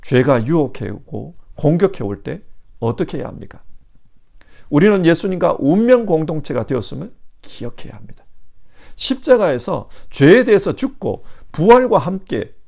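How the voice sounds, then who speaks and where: A man's voice: a little high, sing-song, normal speed, vocal fry, a little mellow. A male pastor preaching a sermon in a church, asking the congregation emphatic rhetorical questions. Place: church sanctuary.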